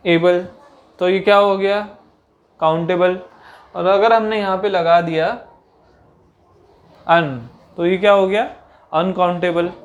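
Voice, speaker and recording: A woman teaches a grammar lesson in a mid-pitched voice. She keeps asking her own questions and answering them right away. She slows down carefully whenever she gives a definition.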